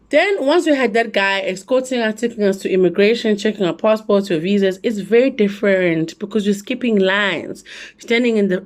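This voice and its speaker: A woman from South Africa with a South African accent, telling a travel story in a casual, animated vlog with lots of asides. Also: mid-range voice. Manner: animated, chatty, full of asides. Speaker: travel vlogger.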